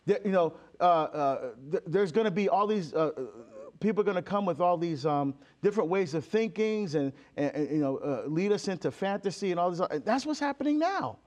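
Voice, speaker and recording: In a lively, impassioned conversational interview, a Barbadian deacon and author speaks emphatically as the guest and acts out quoted dialogue. His high voice is a little mellow, with brisk pacing, lively intonation and hardly any pauses, and it is full of fillers and restarts.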